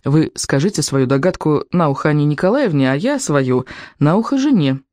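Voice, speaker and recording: A jovial middle-aged lawyer from an audiobook, as the reader voices him, speaking in a genial and measured way. The voice sits at a middling pitch and sounds dry and close. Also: animated, a little mellow, no echo, lightly acted. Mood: playful. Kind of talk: audiobook reading.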